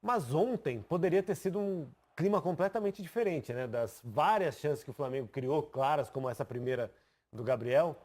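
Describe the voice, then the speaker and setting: A man with a somewhat high voice leads a studio sports analysis. He explains with lively emphasis, walking viewers through results and on-screen tables. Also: normal speed. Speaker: sports TV presenter.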